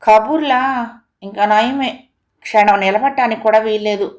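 A woman's voice: mid-range voice, normal speed, darkish tone, natural voice. A woman voicing a talkative middle-aged housewife in an audio story, rambling on in a complaining, chatty way.

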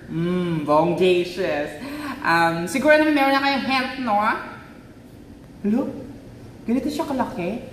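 A woman with a Filipino accent giggling and exclaiming excitedly as she unboxes a phone in a casual vlog. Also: mid-range voice, recorded from a distance, a little hiss or hum. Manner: excitable, giggly, mixes Tagalog and English. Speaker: vlogger. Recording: echoey room, faint ambience.

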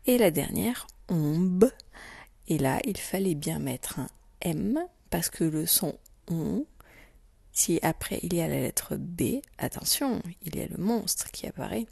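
A woman teacher reads out a spelling dictation for young children, repeating each syllable and stressing its sounds. She speaks very slowly and deliberately in a fairly low voice, and the recording is close and dry. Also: vocal fry, a little mellow, breathy edge, dry recording. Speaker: primary school teacher.

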